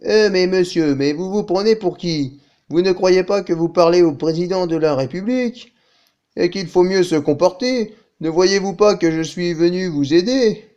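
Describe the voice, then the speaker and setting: A man's voice: high voice, normal speed, a little mellow, highs cut off, natural voice. A man playing an indignant, condescending head of state who lectures workers in a parody news sketch. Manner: haughty, exasperated, lecturing.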